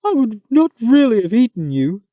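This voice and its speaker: A reader voicing the Manticora, a fierce monster turned solemn and philosophical, in a high, loud, theatrical voice, on a dull, muffled recording. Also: sing-song, normal speed, dry recording, close to an everyday voice. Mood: solemn, grand.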